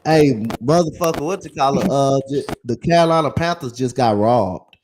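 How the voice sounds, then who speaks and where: A man's voice: medium pitch, normal speed, background noise. A man talking sports from a car, insistent and repeating his point. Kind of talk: casual sports chat.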